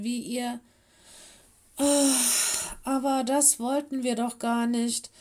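A woman's voice: medium pitch, dark tone, natural voice. A woman reading an audiobook, voicing a scared young male ice wolf who stammers and pleads through sobs. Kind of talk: audiobook character voice.

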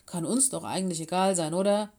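A woman's voice: fairly low pitch, fairly quick, warm tone, close to an everyday voice. A woman reading an audiobook, voicing a sulky, stubborn young female animal pupil. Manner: sulky, dismissive. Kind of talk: audiobook character voice.

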